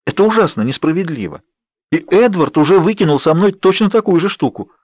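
Exasperated young woman, protesting, slightly raised pitch, dry sound, audiobook, male reader. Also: expressive, brisk, darkish tone, no room sound. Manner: protesting and grumbling. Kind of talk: audiobook character voice.

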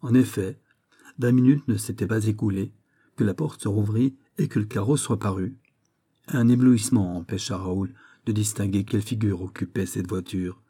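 A man reading a classic novel aloud as a narrator, in a steady literary manner. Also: on the low side, moderate pace, slightly rough. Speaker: audiobook narrator. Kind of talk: scripted narration.

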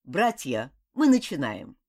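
A woman's voice: low voice, sing-song, slow, a little mellow, pitched below the performer's own voice, full character voice. A woman voicing a self-important elder boy who preaches and gives orders. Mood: stern. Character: haughty elder boy leader, preaching, commanding.

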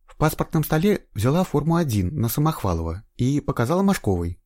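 A man's voice: medium pitch, very animated, brisk, mellow, dry recording, pitched above the performer's own voice. A man voicing an eager young female trainee investigator in an audiobook, with a raised, insistent voice. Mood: earnest. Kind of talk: audiobook reading.

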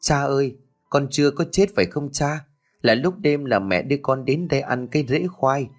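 A man voicing a frightened little peasant girl, raising his pitch and asking tearful, pleading questions. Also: lively intonation, normal speed, soft background music, lightly acted. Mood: tearful, bewildered.

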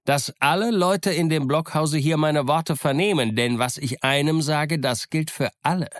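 A man voicing a cunning, blustering pirate leader on a crutch, loud and threatening, in an audiobook reading. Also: medium pitch, lively intonation, measured pace, dry recording, studio quality, pitched above the performer's own voice. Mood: menacing.

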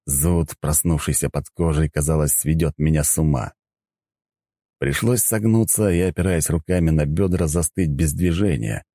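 Deep-voiced male audiobook narrator. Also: normal speed, warm tone, no echo, clean studio sound. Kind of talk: first-person audiobook narration.

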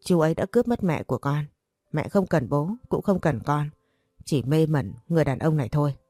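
A woman's voice: sits low, expressive, brisk, dark tone, no echo, soft background music. A woman reading the lines of an angry, estranged father who accuses his ex-wife in a storybook tale. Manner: accusing, bitter.

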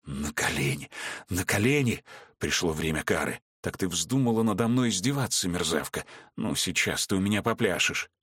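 A man voicing a cruel, vengeful male villain in an audiobook, gloating and ranting between low menace and shouting. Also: lively intonation, moderate pace, husky, dry recording, studio quality, full character voice. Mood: menacing. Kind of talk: audiobook character reading.

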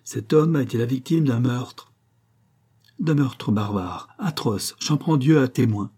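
A man's voice: mid-range voice, unhurried, dark tone, husky. A man reading a storybook and voicing a grief-stricken woman of about fifty, pleading in an anguished, strained voice. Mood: bitter.

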